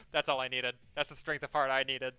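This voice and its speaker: A man's voice: medium pitch, level tone, fairly quick, bright, forceful tone, clear, resonant tone, no room sound, soft background music. A sardonic, sweary man giving casual game commentary and reading the game's text aloud. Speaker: let's play host.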